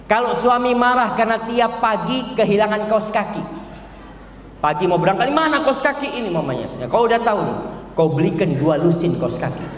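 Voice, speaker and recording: High-voiced preacher in an echoey hall. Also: male voice, normal speed, slight background noise. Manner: lively storytelling, addresses the congregation directly. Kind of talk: sermon lecture. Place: large room in a residence. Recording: echoey hall, far from the mic, faint ambience.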